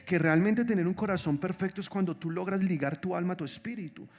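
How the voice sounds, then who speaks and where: A man preaching a sermon as pastor, conversational and animated, asking the congregation many rhetorical questions. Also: high-pitched, fast talker. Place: church.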